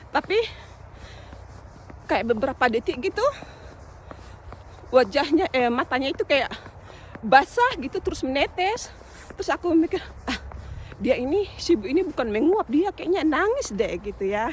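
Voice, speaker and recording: A woman from Indonesia talks straight to her viewers in a loose, chatty vlog, leaning on small filler words as she tells a story. Her voice sits fairly high for a woman. A faint noise runs underneath. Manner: chatty, addresses viewers directly with many fillers. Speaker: vlogger.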